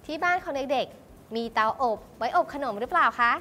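High-voiced woman teaching children. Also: animated, moderate pace, a little hiss or hum. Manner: gentle, polite, explaining to children. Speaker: host teacher. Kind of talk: children's lesson hosting.

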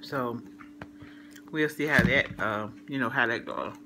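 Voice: medium pitch, a little slow, noisy background. A vlogger, talking while chewing, chatting casually to viewers in a rambling way with many fillers. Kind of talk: casual eat-with-me chat to viewers.

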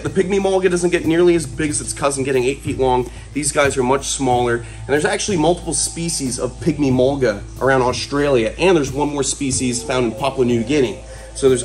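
A man in his twenties with a medium-pitched voice hosts a hands-on animal vlog. He talks casually and with playful enthusiasm, often exclaiming as he works. He is in a large metal-walled room, a few feet from the camera, with music behind him. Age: 20s. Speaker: host, snake keeper. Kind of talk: casual vlog commentary while handling animals.

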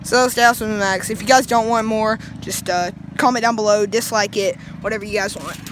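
A woman's voice: mid-range voice, fairly even intonation, fast, noisy background. A woman co-hosting a gaming video, apologetic and mumbling as she signs off.

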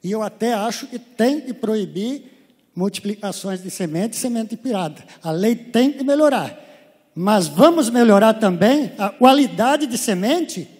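A fairly high-pitched man with a dark, husky voice speaks indignantly as a farmer on a seminar panel. His handheld mic carries the long reverb of a large auditorium. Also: animated, measured pace. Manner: indignant, complaining. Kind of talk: seminar talk.

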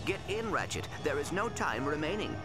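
Game robot: small, loyal, precise and formal, very lively pitch, loud music behind. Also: male voice, normal speed. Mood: urgent.

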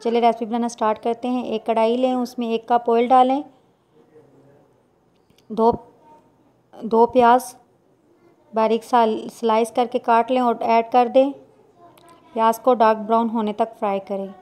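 A woman, talking viewers through a recipe step by step in a plain, unhurried voice-over. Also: on the high side, flat delivery, darkish tone. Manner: plain instructional, unhurried with small restarts. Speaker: cooking channel host.

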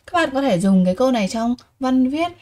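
A woman teaching a vocabulary lesson who talks at a quick pace in a slightly high voice. She repeats each word several times and keeps asking her students rhetorical questions. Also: animated, dark tone. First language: Vietnamese. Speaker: Korean language teacher.

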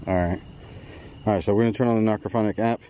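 A man hosting a casual ghost-hunting vlog at a cemetery, speaking calmly and asking questions of spirits. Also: racing, muffled recording, slight background noise. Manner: asks questions of spirits, calm and low-key. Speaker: paranormal vlog host. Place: cemetery outdoors at night.

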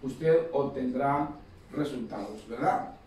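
A man's voice: medium pitch, slow, darkish tone, slight background noise. A man preaching a sermon in a conversational way, repeating phrases and asking for amens. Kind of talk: Pentecostal-style sermon. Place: church hall. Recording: echoey hall, mic far off.

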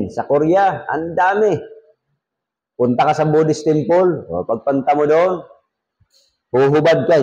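A man's voice: on the high side, warm tone, dull audio. A man, a pastor, teaching a Sunday school Bible lesson in a joking conversational way, talking straight to his class. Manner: jokey, talks directly to the class.

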